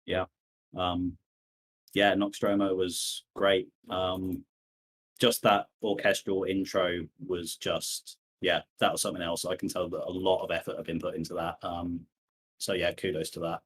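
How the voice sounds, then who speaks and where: Low-voiced English man, relaxed host. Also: a little slow, husky. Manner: relaxed, frequent fillers, hesitant. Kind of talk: casual livestream chat.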